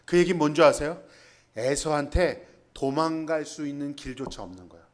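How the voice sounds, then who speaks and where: Speaking at normal speed with a voice on the high side, a male pastor in Hanoi gives a light-hearted, conversational sermon in church, telling stories and performing the dialogue in character voices.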